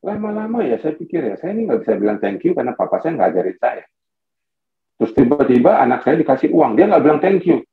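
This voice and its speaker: A man's voice: medium pitch, fast talker, vocal fry. A middle-aged man, a pastor and marriage counselor, telling stories in a webinar talk and acting out the dialogue. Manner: animated storytelling, acting out quoted dialogue. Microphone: video call. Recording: tinny, echoey video call audio.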